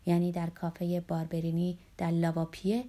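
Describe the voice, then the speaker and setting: Woman narrating a novel, lowish voice. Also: completely flat delivery, mellow. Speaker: audiobook narrator.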